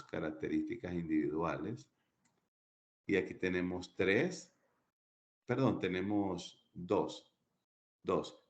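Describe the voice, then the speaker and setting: Guy teaching a class, lowish voice, lots of "eh" and restarts. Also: muffled recording. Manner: explains step by step, with many fillers and restarts. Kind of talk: recorded class lecture.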